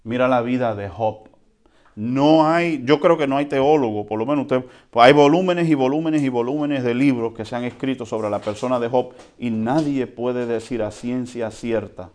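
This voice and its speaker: A man preaching a sermon in a conversational way, often checking in with the congregation and swinging between quiet and loud. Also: medium pitch, moderate pace. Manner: lively swings between soft and loud, with chuckles. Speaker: pastor.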